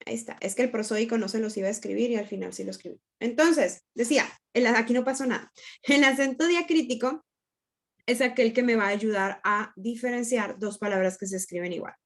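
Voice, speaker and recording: Woman, teacher, online grammar lesson, fairly high voice, patient and explanatory. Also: fairly quick. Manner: patient, explanatory, checks in with frequent "ok?".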